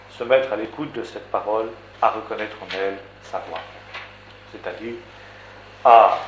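A man's voice: fairly low pitch, fairly bright tone. A man preaching a sermon in an emphatic, rhetorical manner, building points through repeated phrases. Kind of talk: sermon teaching. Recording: echoey room with faint background noise.

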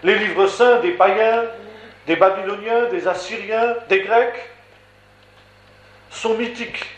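A man's voice: high voice, fairly even intonation, slow, a bit bright. Emphatic French-speaking male preacher, echoey room. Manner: emphatic, rhetorical, builds with repeated phrases. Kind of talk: sermon teaching. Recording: echoey room with faint background noise.

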